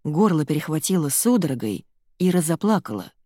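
A woman narrating an audiobook in an expressive, storytelling manner. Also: deep voice, fairly quick, no room sound, clean studio sound.

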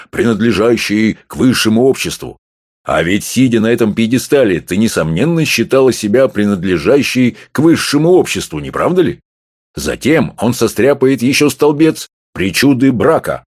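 A man reading an audiobook, voicing a gruff, domineering middle-aged professor who growls and mocks. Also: medium pitch, a little mellow, dry recording, clean studio sound, natural voice. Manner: growling, mocking.

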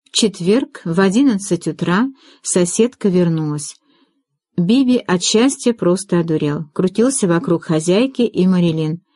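Mellow woman narrating an audiobook. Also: lowish voice, no room sound, clean studio sound. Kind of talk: scripted narration.

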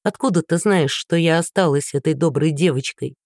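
A woman voicing a sharp-tongued, scornful young woman who answers with biting mockery. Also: low voice, normal speed, no room sound, clean studio sound. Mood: mocking. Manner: mocking, biting.

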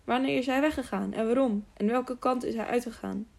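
A woman's voice: fairly high pitch, brisk, vocal fry, a little mellow. A woman reading the part of an urgent, impatient young man in an audiobook, pressing and pleading.

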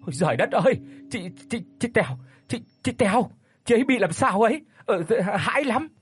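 A man playing a stammering scared farmer, husky, high-strung. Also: animated, moderate pace. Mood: terrified. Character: stammering frightened peasant husband.

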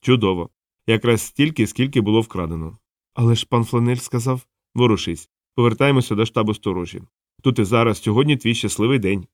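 A man's voice: medium pitch, brisk, no echo, studio quality, close to an everyday voice. A man doing an earnest good-hearted watchman. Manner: patient, sincere, explaining. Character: earnest kind male city watchman.

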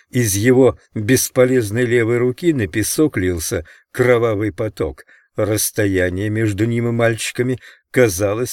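A man with a low voice reads a novel aloud in a measured, even narration. The sound is dry and close, with almost no room around it. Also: no echo. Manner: measured, steady reading. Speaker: audiobook narrator. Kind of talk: scripted narration.

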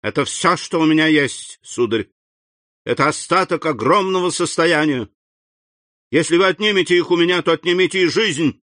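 A man's voice: moderate pace, fairly bright tone, no room sound, clean studio sound, lightly acted. A man doing a frantic captive banker. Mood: pleading. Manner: pleading, high and shrill. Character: frantic aging male banker held captive.

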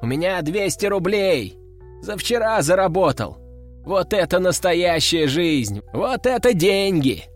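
A man's voice: fairly high pitch, very animated, unhurried, soft background music, pitched above the performer's own voice, exaggerated voice. A man voicing a cocky, dismissive teenage boy. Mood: boastful. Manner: boastful, flippant.

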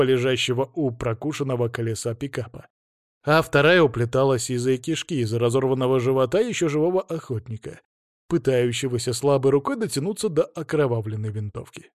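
A man narrating a fantasy novel in the first person with brisk, vivid delivery. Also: medium pitch, animated, no echo, clean studio sound.

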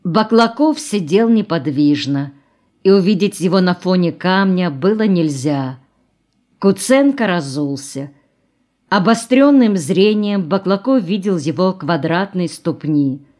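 Woman, audiobook narrator, calm even delivery, slow pace, lowish voice.

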